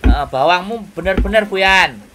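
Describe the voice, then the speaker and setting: Speaking a little slowly in a high voice with lively intonation, this Javanese-accented man lectures emphatically while giving casual advice, frequently tossing in rhetorical questions. Frying and kitchen noise surround the faraway microphone.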